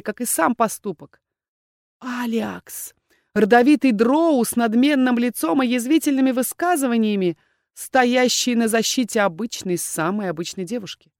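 Female audiobook narrator, expressive, dry close sound. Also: fairly high pitch, no echo. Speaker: audiobook reader. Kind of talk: first-person fantasy audiobook narration.

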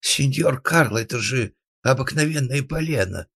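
An actor playing a timid, frightened carpenter who pleads and stammers in an audiobook. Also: male voice, mid-range voice, expressive, unhurried, a bit bright, husky, dry recording, full character voice. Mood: pleading. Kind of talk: audiobook character acting.

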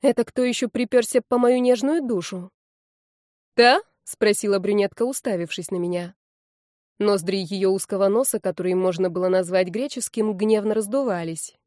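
Mellow young woman narrating a story. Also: medium pitch, fairly quick, no room sound, studio quality. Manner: wry, lively storytelling. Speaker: audiobook narrator. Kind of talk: first-person audiobook narration.

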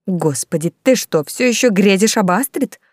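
Lady voicing a bossy scheming countess mom, hissy, low-ish voice, dry sound. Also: moderate pace, darkish tone, no echo, close to an everyday voice. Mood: domineering. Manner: hissing, commanding. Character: domineering scheming mother, older countess.

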